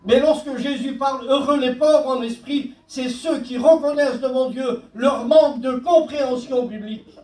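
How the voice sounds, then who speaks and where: A man preaching a sermon as pastor, speaking slowly and deliberately and quoting scripture. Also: very high-pitched, a little mellow. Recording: echoey church hall, mic at a distance.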